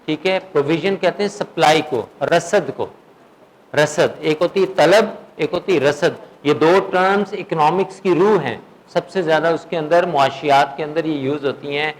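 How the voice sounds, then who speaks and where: A man's voice: fairly high pitch, poor audio. A male English teacher giving a classroom lecture, drilling words and answering his own questions. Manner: drills vocabulary, asks questions and answers them himself; slow dictation of English sentences.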